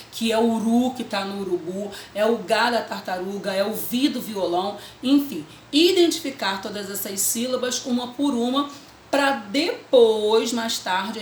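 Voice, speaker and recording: A woman's voice: medium pitch, a little hiss or hum. A woman teacher, patiently explaining a literacy lesson to parents step by step, often checking in. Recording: echoey room with faint ambience.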